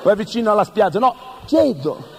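A man delivering an absurdist stand-up monologue full of deadpan wordplay and mock-serious questions. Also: sits high, brisk, creaky, some chatter behind, slight background noise. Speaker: comedian.

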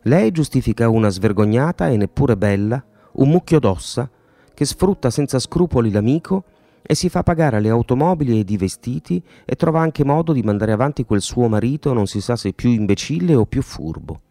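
A man's voice: lively intonation, normal speed, mellow, no echo, lightly acted. A man reading aloud and voicing a scornful, jealous middle-aged mother who gossips with sarcasm in an audiobook. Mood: ironic fury. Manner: shrill, sarcastic, spiteful gossip. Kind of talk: audiobook character voice.

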